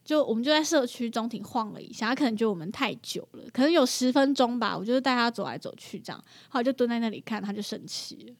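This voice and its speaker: Woman, young mother, fairly high voice, very lively pitch, casual storytelling. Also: fast, hardly any pauses. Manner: animated, laughs often, acts out her own reactions.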